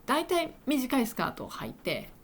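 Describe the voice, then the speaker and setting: A woman who hosts a podcast for learners, telling an everyday story and stopping to slowly explain and repeat words for her listeners. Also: high-pitched, huge pitch swings, gravelly. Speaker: Japanese teacher podcaster.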